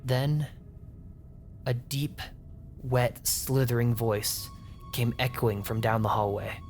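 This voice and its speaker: A man narrating a scripted first-person horror story at a middle pitch, tense and measured in his delivery. Soft music lies faintly underneath his voice. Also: steady tone.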